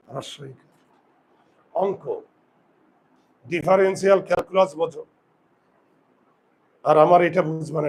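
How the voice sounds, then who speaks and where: A male teacher giving a grammar lesson, asking his students questions and slowly repeating words for them. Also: high voice. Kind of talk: classroom lesson.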